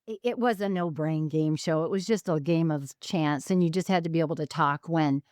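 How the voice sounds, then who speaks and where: A woman's voice: sits low, a little fast, darkish tone, smooth, dry recording, studio quality. A woman in her sixties from California, telling family stories in a chatty podcast conversation, often laughing and restarting her sentences. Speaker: podcast guest. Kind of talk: casual storytelling conversation.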